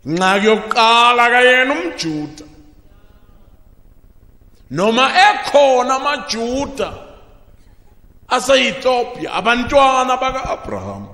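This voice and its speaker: A man preaching a sermon into a pulpit microphone, who bursts into shouted emphasis and then drops low. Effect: preaching through a pulpit microphone. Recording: long reverb of a large hall.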